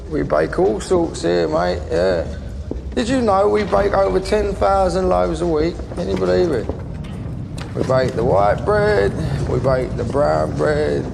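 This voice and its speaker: Gravelly, volatile gangster. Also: male voice, a little high, background noise, exaggerated voice. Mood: jovial. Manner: rambling, swings from loud jovial bluster to menacing whispers. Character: volatile London gangster, bakery-distillery boss, middle-aged man.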